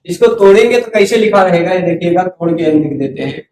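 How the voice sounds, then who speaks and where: A man with a high, animated voice teaches Sanskrit grammar in a patient explanatory lecture, slowly repeating syllables one by one and asking his students questions to check they follow. The rough recording is reverberant, with crowd noise in the background.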